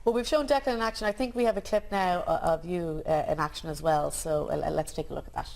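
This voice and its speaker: A woman's voice: fairly low pitch, steady tone, fast talker, gravelly, darkish tone. A woman co-presenting a morning TV show, asking direct questions.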